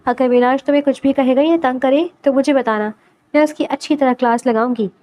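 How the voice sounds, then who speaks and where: A woman reading the part of a doting elderly grandmother in a storybook reading, with a gentle, coaxing manner. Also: sits high, fairly even intonation, highs cut off, lightly acted.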